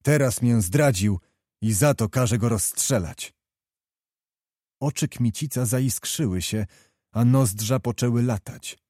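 A man reading a novel aloud as narrator in a measured, steady manner. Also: medium pitch, dry recording, studio quality. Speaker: audiobook narrator. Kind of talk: scripted storybook narration.

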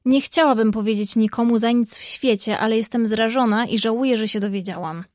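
A woman voicing an outspoken, quick-tempered young woman in a read-aloud story. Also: fairly high pitch, dry recording, clean studio sound, natural voice. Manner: lively, outspoken.

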